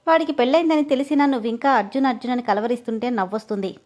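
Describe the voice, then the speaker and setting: A cheeky young man who keeps ribbing his friend with a grin in his voice, read by a female storyteller. The voice stays fairly high and light and plays every jab as a joke. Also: expressive, rapid-fire, darkish tone, natural voice. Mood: teasing. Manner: mocking and playful. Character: teasing, joking young man.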